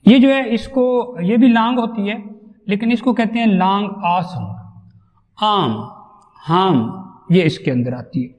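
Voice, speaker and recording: A man teaching phonetics in a classroom lecture, patiently explaining and slowly sounding out each vowel and consonant. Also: sits high, darkish tone, in a large hall, poor audio.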